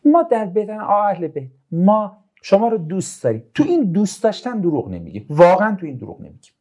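Lively, mellow-voiced man giving a religious talk. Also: high-pitched. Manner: chatty, joking asides to listeners. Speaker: religious speaker. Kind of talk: informal religious talk with storytelling.

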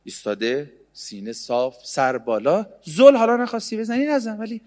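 A man giving a humorous sermon, sarcastic, swinging between loud and hushed delivery. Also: high-pitched, big-room sound. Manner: sarcastic, mimics others in mocking voices. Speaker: religious speaker.

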